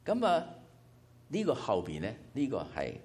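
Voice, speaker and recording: A man's voice: mid-range voice, huge pitch swings, normal speed, a little mellow. A man preaching a sermon to a church gathering, explaining his points step by step with worked-out numbers.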